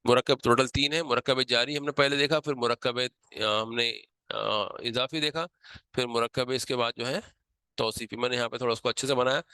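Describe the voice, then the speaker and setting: A man's voice: mid-range voice, bright, forceful tone, clear, resonant tone, dry recording. A man teaching a grammar lesson, explaining patiently step by step and repeating key points.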